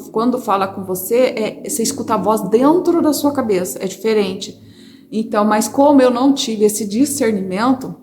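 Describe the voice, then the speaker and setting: A woman with a Brazilian Portuguese accent, telling her personal faith testimony to viewers in an expressive, chatty way from a corner of her home. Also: mid-range voice, slight background noise. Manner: expressive storyteller, addresses viewers as brothers. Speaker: testimony speaker. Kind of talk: personal religious testimony, casual.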